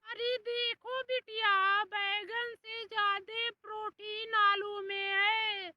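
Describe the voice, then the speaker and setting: Woman playing a fussy vegetable mom, coaxing and scolding, very high, bright voice, slow talk. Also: level tone, a little hiss or hum, full character voice.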